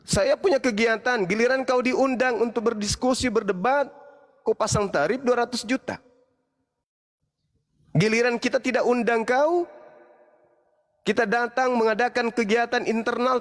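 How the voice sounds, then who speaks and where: A man's voice: extremely high pitch, a little slow, pauses often. Man, Islamic preacher, angry scolding, mocking, long reverberant hall. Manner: heated, mocking, repetitive rebukes.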